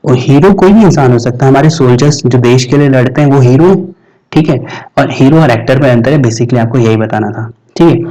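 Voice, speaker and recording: A man teaching exam vocabulary, explaining in Hindi and reading the English questions out slowly. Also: medium pitch, dark tone, distant mic, low-quality recording. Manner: explains in Hindi, reads English lines slowly, keeps asking "ठीक है?".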